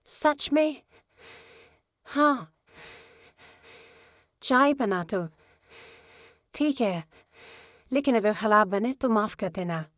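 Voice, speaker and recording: A remorseful middle-aged husband, as a woman puts him on speaks gently and apologetically. The pace is slow, and the sound is dry and close. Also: a little high, expressive, no echo, heavily acted. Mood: gentle.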